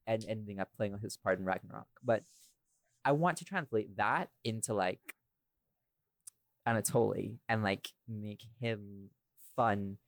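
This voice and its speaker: Speaking in a voice on the low side, this man hosts a casual podcast discussion, wandering through his thoughts aloud and frequently adding "right?". He is a podcast host and audio series creator, and there is no room sound in the recording.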